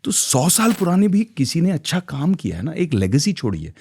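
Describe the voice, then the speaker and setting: A man's voice: fairly high pitch, sing-song, moderate pace, a little mellow, slightly rough. A middle-aged man with an Indian accent, a podcast guest who talks expressively and switches between Hindi and English. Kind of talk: podcast conversation.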